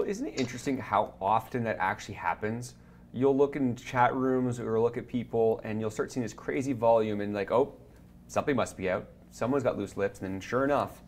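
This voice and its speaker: A man co-hosts a live investing stream in a relaxed, joking manner. His voice sits on the low side. A faint hiss of room noise runs underneath. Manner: relaxed, joking, hedges on what he hears. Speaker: co-host. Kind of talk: casual banter.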